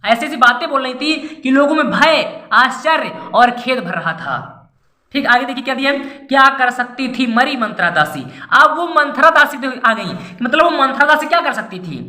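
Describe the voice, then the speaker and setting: A woman teaching a poetry lesson, reciting verses slowly and then explaining each one in plain everyday speech. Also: sits high, expressive, sharp tone, reverberant.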